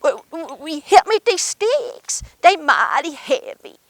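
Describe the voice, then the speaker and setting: Halting, high-voiced old Appalachian woman, acted by a storyteller. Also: big pitch swings, fairly bright tone, no echo, full character voice. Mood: pleading, strained. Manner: halting, stammering, slow. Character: bent old woman burdened with sticks, pleading. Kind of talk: folk tale storytelling.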